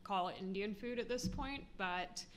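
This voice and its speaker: A woman's voice: medium pitch, moderate pace, a little hiss or hum. An American woman vlogging to camera, chatty and self-deprecating, often laughing. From United States. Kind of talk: casual talk to camera.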